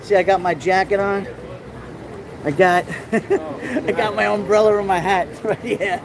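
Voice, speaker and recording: On a rainy festival street in New York City, a middle-aged local with a high-pitched voice and New York accent leads a live-streamed walking tour, unhurried and steady in tone. He greets viewers by name and wanders into chatty tangents, his handheld phone picking up the surrounding street noise.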